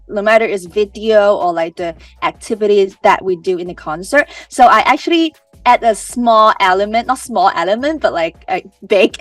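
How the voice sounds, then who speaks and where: A woman's voice: mid-range voice, a bit bright, dry recording, recorded from a distance. A young woman from Hong Kong with a Hong Kong accent, Cantonese her first language, answering interview questions casually and often restarting her sentences. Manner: chatty, with many "like" fillers and restarts. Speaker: singer-songwriter guest.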